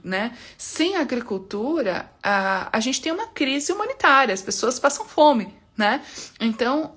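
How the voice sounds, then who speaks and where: A woman working as an immigration consultant, answering viewers' questions on a live stream in a calm, explanatory way, often ending phrases with checking tags. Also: a little high. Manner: explanatory, reassuring, frequent "né?" and "tá?" tags.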